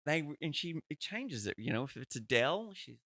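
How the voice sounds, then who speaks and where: A man hosts a podcast interview, his voice gravelly and forceful. He talks in a loose, rambling way, swearing casually. The sound is dry and close. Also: a little high, sing-song, brisk, dry recording. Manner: chatty, rambling and peppered with swearing. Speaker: podcast host.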